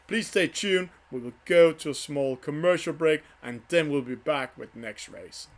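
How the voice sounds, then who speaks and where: A man commentates a virtual sailing race live from a studio, also serving as the show's host. His voice sits high for a man. His phrasing is halting, and he often restarts or corrects his words mid-sentence. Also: loud music behind the voice.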